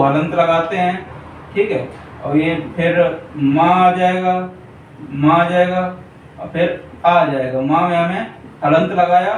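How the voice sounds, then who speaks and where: A man teaching a Hindi grammar class for exam preparation, repeating points and checking in with his students often. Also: on the high side. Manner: repetitive, keeps checking in with the class. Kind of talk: exam-prep grammar lesson at a board. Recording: echoey room, distant mic, faint hiss.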